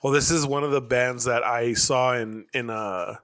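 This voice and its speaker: A man's voice: mid-range voice, normal speed, fairly bright tone. A man co-hosting a podcast, telling stories in a laid-back, slangy way with lots of swearing. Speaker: podcast co-host. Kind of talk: casual chat.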